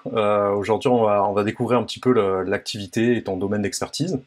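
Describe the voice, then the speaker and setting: A man hosting a casual interview, asking quick questions in a friendly, informal way with frequent hesitations. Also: on the low side, steady tone. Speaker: interview host.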